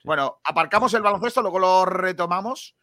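A man's voice: sits high, brisk, pushed and bright, dry recording, studio quality. A man hosting a casual sports talk show, joking and reading viewer comments aloud. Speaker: host.

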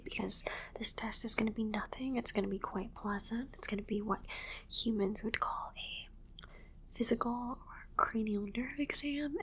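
A woman whispers an ASMR roleplay as a calm alien medical examiner, softly repeating short reassurances. Her voice is on the high side, with slight background noise.

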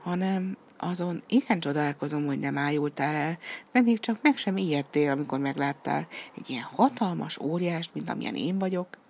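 A woman voicing a gentle, bewildered male giant in a storybook reading, speaking slowly and softly. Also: sits low, gravelly, slightly rough, exaggerated voice. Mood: puzzled.

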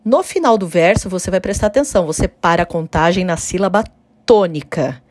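A woman gives an online literature lesson, explaining clearly and slowing down to sound out syllables. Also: lowish voice, expressive, a little mellow, no echo. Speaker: literature teacher. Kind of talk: online lesson on poetic meter.

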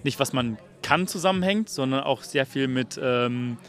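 A man interviewing colleagues outdoors at a summer party, asking questions in a relaxed way with many fillers. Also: medium pitch, normal speed, soft background music. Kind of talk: casual interview.

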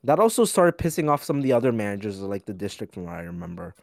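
A man's voice: fairly low pitch, big pitch swings, rapid-fire, gravelly, a little mellow, no echo, studio quality. Rambling young male podcast host. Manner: rambling, heavy use of "like", swears freely. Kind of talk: casual podcast chat.

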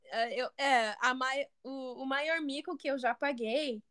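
A woman from the United States with an American accent, a native English speaker chatting casually on a podcast, halting and searching for words. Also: high voice, pushed and bright, dry recording, studio quality. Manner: hesitant, searching for words, many restarts. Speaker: co-host.

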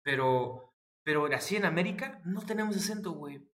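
A man's voice: on the high side, lively intonation, a little fast, a bit bright, a little hiss or hum. A young man with a Mexican accent, co-hosting a podcast in casual, joking chat that is full of slang and swearing. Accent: Mexican Spanish. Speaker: podcast co-host.

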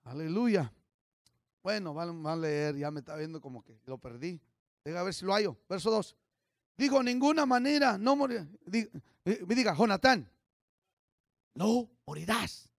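Man pastor, high gravelly voice, dry recording; fiery call-and-response sermon. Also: animated, moderate pace, no room sound. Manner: exhorting, call-and-response, swings from soft to shouting. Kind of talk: bilingual sermon.

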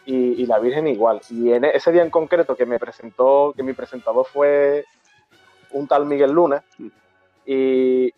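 A man tells an old memory at an unhurried pace, stumbling over and repeating his words. The recording is dull and lo-fi, with faint music underneath. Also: mid-range voice, fairly even intonation, no room sound. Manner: halting, repeats words, moved. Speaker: host of a brotherhood talk show. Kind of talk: emotional storytelling in casual chat.

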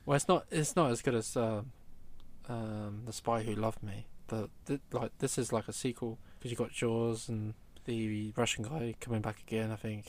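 A man co-hosting a casual film chat, opinionated and animated, stumbling over his words. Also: lowish voice, moderate pace. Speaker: film podcast co-host.

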